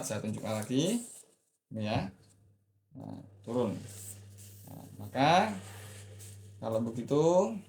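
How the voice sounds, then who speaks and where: Seorang pria guru mengaji yang menjelaskan pola nada dengan tenang lalu melantunkan ayat secara panjang dan berirama, dengan logat Indonesia. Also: male voice, mid-range voice, reverberant, slight background noise. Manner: calm explanation, asks for attention, then drawn-out melodic chanting. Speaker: Quran recitation teacher. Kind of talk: online Quran reading lesson.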